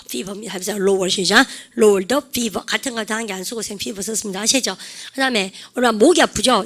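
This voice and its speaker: A woman's voice: a little high, fairly bright tone. A woman teaching English vocabulary, prompting students to repeat phrases and joking along the way. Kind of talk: lively online English lesson with call-and-repeat drills.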